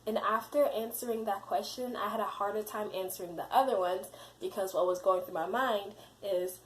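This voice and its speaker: A woman's voice: mid-range voice, normal speed, slight background noise, poor audio. A young adult woman casually telling a personal story to camera, full of "you know" and "like". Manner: chatty, leans on fillers like "you know" and "like". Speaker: vlogger.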